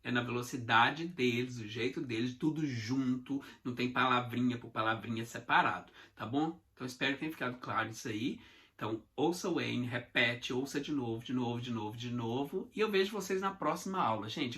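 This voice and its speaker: A man's voice: medium pitch, fairly quick, bright, forceful tone. A Brazilian man teaching English in a casual video lesson, chatty and repetitive, talking straight to his viewers. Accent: Brazilian Portuguese. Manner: chatty, repeats phrases, addresses viewers directly.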